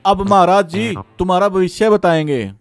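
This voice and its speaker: Man acting a high-voiced bossy Haryanvi guru's sidekick. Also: normal speed, soft background music, natural voice. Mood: bossy, pompous. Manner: bossy, pompous. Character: scolding, money-grabbing holy man's sidekick. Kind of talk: comedy skit acting. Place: outdoors under a village tree.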